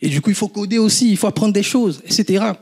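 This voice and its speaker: A man in his thirties from Benin with a Beninese accent, an entrepreneur talking casually to an audience and telling animated stories with laughs. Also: high voice, quick pace, slightly rough. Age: 30s. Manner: animated storytelling, laughs often, swears casually. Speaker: guest entrepreneur.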